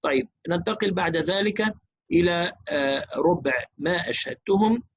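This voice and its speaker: Husky man teaching Quran recitation. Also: sits high, dry recording, muffled recording. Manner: explains quickly, then recites verses slowly in melodic chant. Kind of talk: recitation lesson with chanted verses.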